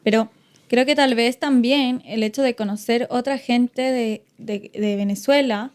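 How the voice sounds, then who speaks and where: A woman from Ecuador, speaking with an Ecuadorian Spanish accent, reflects as a guest in a casual podcast conversation. Her voice is a little high and slightly mellow, unhurried, with many fillers and restarts.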